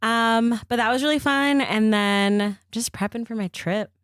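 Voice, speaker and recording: This young woman's voice sits on the higher side, and she laughs her way through casual podcast chat. Her delivery is excitable and full of trailing fillers, and the sound is close and dry. She comes across as an eager co-host sharing her news. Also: a little slow, clean tone, dry recording.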